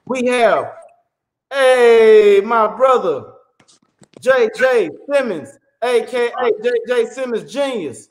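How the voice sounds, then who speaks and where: A man hosting a casual livestream interview, animated and repeating his words as he hypes the audience. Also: very high voice, slow pace, a little hiss or hum. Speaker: host. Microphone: phone.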